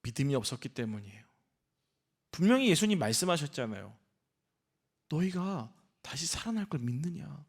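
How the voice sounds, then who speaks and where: A man, a senior pastor, preaching a sermon in an animated style, asking the congregation questions and acting out the voices in the story. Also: high-pitched.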